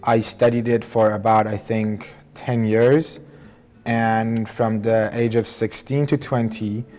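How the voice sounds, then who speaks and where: This documentary subject, a young Iranian man, speaks with a Persian accent in a lowish, darkish voice that barely shifts in pitch. He reflects on his own life in an earnest, measured way, occasionally starting sentences over.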